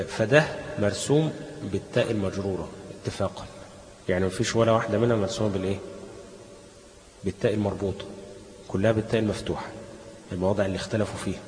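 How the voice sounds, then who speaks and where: A lower-voiced man with an Egyptian Arabic accent teaching Quranic readings. He quizzes the class, answers his own questions and chants verses slowly. He is recorded in a large hall with long reverb and a faint hum of room noise. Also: darkish tone. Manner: asks the class questions and answers them himself, says "ماشي؟" often.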